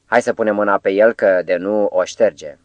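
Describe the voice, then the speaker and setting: A brash young poet, read by a man in an audiobook, blunt, combative and quick to suspect. The voice stays fairly low and is recorded close and dry. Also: steady tone, dry recording, lightly acted. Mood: suspicious. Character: young hot-headed suspicious male poet.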